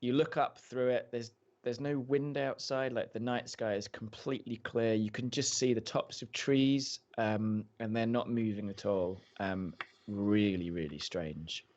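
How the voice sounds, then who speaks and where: A man's voice: on the low side, fairly even intonation, measured pace, a little mellow. A man narrating a tabletop game as game master, in a loose, filler-heavy way, on dull lo-fi podcast audio.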